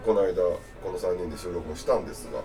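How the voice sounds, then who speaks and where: A man's voice: low-pitched, fast, mellow, recorded from a distance, faint music behind. A man with a Hiroshima accent co-hosting a casual drinking chat, bantering loosely and laughing easily. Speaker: co-host. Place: izakaya.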